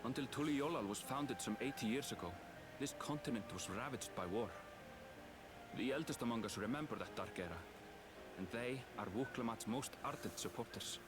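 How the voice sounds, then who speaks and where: A man voices a solemn townsman in a game cutscene. His mid-pitched voice is grave and formal, like someone recounting history. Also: normal speed, close to an everyday voice. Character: solemn townsman recounting a war-torn era. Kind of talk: video game cutscene acting.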